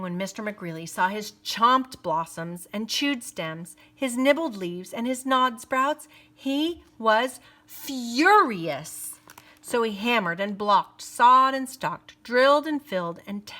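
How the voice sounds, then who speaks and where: The speaker is a woman teacher with a fairly high, sharp-toned, expressive voice. She reads a picture book aloud, pauses for teaching remarks and drops into playful whispers for suspense.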